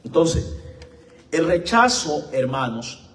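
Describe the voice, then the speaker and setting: A man preaching a live-streamed sermon, slow and emphatic, his voice swelling as he reads scripture and repeatedly addressing listeners as brothers and friends. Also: fairly high pitch, big pitch swings, fairly bright tone. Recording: echoey room, mic far off.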